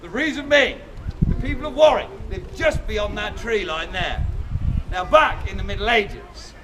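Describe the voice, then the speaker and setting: A man's voice: high voice, normal speed, distant mic. An Englishman presenting a live comic castle show outdoors, projecting theatrically without a microphone. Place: outdoors at a castle before a crowd. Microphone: no microphone, recorded from the audience. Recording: loud crowd and outdoor noise.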